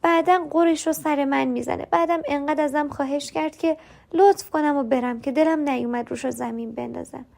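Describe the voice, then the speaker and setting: High-voiced woman telling a personal story. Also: steady tone, vocal fry, darkish tone. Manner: confiding, voices other characters in dialogue. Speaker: narrator.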